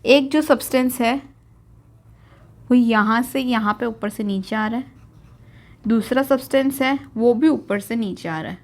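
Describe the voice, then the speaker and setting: At a whiteboard, a young woman teaches a biology lesson in a chatty, repetitive style, repeating key terms and posing questions she answers herself. Her voice is on the high side, measured in pace, with frequent pauses.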